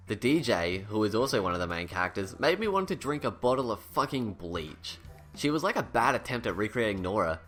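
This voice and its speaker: A man's voice: medium pitch, a bit bright. A man with a lisp that slurs his s toward sh, reading a scripted critical review in a blunt, sarcastic, sweary way. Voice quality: lisp, slushy sh-like s. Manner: blunt, sarcastic, sweary, self-deprecating at times. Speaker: video reviewer. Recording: voice-over with music underneath. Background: background music.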